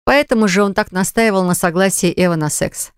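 An audiobook reader narrating a novel in a steady, even manner on a close studio mic. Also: medium pitch, fairly quick, smooth, no echo. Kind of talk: scripted narration.

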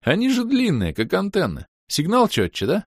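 A man's voice: low voice, level tone, drawn-out words, no echo, studio quality. A man voicing a gloating, mocking male villain in an audiobook. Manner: mocking, gleeful.

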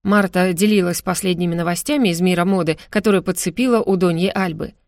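A woman narrating a first-person novel as an audiobook, in an expressive, lively manner. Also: on the low side, fast talker, no echo, clean studio sound.

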